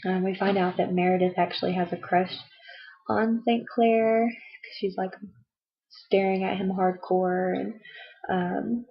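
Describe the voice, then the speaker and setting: Chatty young woman, husky voice, lo-fi. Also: mid-range voice, steady tone, measured pace. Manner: chatty, rambling, frequent "um" and "like", laughs at herself. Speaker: book vlogger. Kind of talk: casual book review chat. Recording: dull lo-fi home video.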